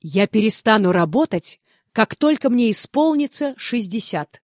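Woman calmly repeating course phrases. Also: fairly high pitch, moderate pace, no room sound, clean studio sound. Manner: calm, careful enunciation. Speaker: language course speaker. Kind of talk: scripted phrase reading.

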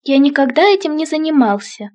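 Female phrase reader, high voice, measured delivery. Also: sing-song, dark tone. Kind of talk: phrasebook reading.

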